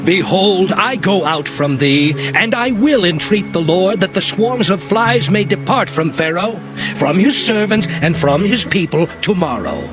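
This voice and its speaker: Earnest prophet, highish voice, very animated, declamatory, emphatic, scripture audio drama. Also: male voice, measured pace, low-quality recording. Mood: earnest insistence. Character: Moses, an earnest male prophet delivering divine demands. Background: music.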